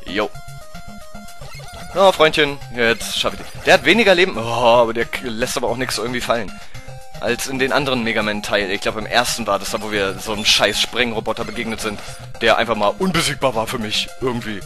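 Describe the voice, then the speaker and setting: A man with a German accent giving excitable gameplay commentary, swearing at the game and swinging from low mutters to sudden cries. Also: a little fast, faint music behind. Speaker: let's play gamer.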